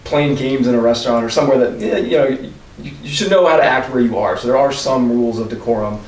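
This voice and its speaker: A man from Maryland co-hosting a podcast, talking casually in a measured, hedging way. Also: a little mellow. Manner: measured, hedging, restarts his points. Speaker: podcast co-host. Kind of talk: casual chat. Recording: roomy echo, far from the mic, faint rumble.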